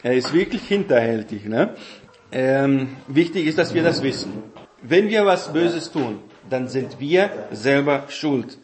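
A man giving a Bible teaching talk in a halting way, with many fillers and tag questions. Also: medium pitch, animated, echoey room, a little hiss or hum. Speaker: preacher.

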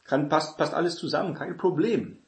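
A man's voice: on the high side, moderate pace, gravelly. A man preaching a Bible-teaching sermon in an explanatory way, checking in with listeners through constant tag questions and restarting his sentences. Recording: echoey room.

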